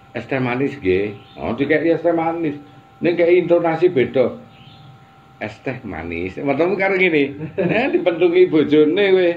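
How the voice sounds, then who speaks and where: A religious teacher with a slightly high voice, heard through dull audio, gives an informal religious talk. He is chatty, mixes Javanese and Indonesian, and drops in teasing asides.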